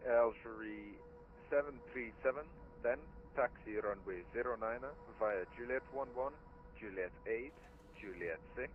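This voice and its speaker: A man working as an air traffic controller, giving terse radio updates in clipped procedural phrases over a radio link. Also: medium pitch. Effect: radio transmission. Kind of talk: terse radio update, online flight simulation ATC. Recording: tinny radio line, heavy noise.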